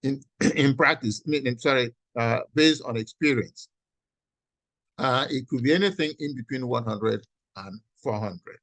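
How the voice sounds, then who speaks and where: A man teaching an online class as a professor, explaining step by step in a halting, deliberate way and often checking in with "okay". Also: medium pitch, fairly bright tone, dry recording. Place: video call with screen sharing.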